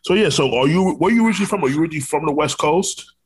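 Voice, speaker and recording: A man's voice: on the high side, animated, rapid-fire, slightly rough, low-quality recording. A man born in Brooklyn and raised in Orlando, hosting a podcast interview, earnest and affirming, with frequent fillers. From born in Brooklyn, New York, raised in Orlando. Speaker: podcast host. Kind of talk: conversational interview.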